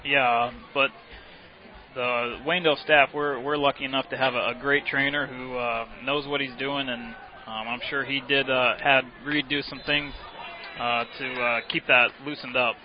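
An American man giving unscripted football analysis as color commentator, halting with many fillers. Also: mid-range voice, little pitch movement. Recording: dull broadcast with clear outdoor noise.

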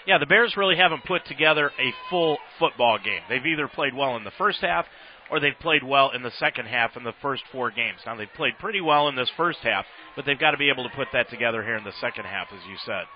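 A man's voice: medium pitch, animated, fast talker, slight background noise. An American man hosting a football radio broadcast in a sportscaster's commentary style. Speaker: sports play-by-play host. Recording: slightly dull radio broadcast sound.

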